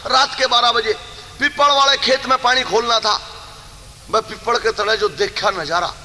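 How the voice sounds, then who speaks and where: A man's voice: very high voice, a little slow, long reverb tail, a little hiss or hum, low-quality recording. A man telling a folk tale and preaching, acting out voices and breaking into sung refrains. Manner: animated, acts out voices and breaks into song. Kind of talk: Haryanvi kissa storytelling with sung refrains.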